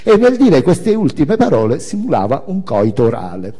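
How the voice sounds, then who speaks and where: An author-performer theatrically narrates his own autobiographical memoir, his fairly high voice mellow and husky, with huge pitch swings at a moderate pace. Music plays behind him, and the recording carries a long hall reverb.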